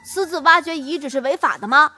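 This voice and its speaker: A woman voicing a confident, clever young boy adventurer in a storybook, speaking calmly and self-assuredly. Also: high-pitched, fairly quick, soft background music. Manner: calm, self-assured, righteous. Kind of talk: storybook role reading.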